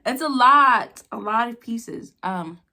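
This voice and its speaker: An American woman telling a casual, rambling personal story with halting pauses, talking between bites with her mouth sometimes full. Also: on the high side, expressive, pushed and bright. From New Mexico, United States. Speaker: vlogger telling a personal story while eating.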